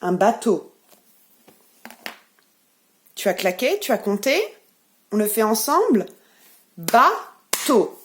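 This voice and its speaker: A woman with a French accent, a preschool teacher giving a remote lesson to young children, speaking gently and articulating each word clearly as she leads them through clapping syllables. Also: mid-range voice, sing-song, slow, pauses often, slight background noise.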